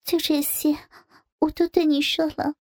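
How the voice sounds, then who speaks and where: A woman's voice: high voice, level tone, very slow, warm tone, heavily acted. A woman voicing a timid young wife in a story, stammering and tearful. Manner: trembling, stammering pleas. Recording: faint background music.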